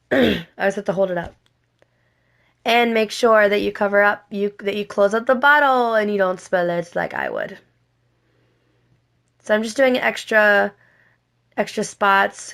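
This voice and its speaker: Hoarse from a cold, this woman's medium-pitched voice sounds slightly raspy and scratchy, though a bit bright. She's a cosplay makeup vlogger giving a casual, rambling, repetitive tutorial and frequently correcting herself.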